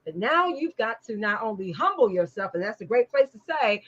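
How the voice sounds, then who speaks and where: A woman's voice: a little high, sing-song, normal speed, fairly bright tone, lo-fi sound. A woman hosting an interview, asking long, encouraging questions that she rephrases as she goes. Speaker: talk show host. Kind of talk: interview conversation.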